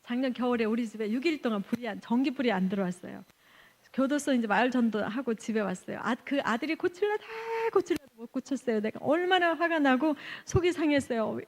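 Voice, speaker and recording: A woman missionary giving an animated testimony at a church service, laughing often and acting out the people in her stories. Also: fairly high pitch, fast. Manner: animated, laughs often, acts out quoted exchanges. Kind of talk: lively storytelling testimony.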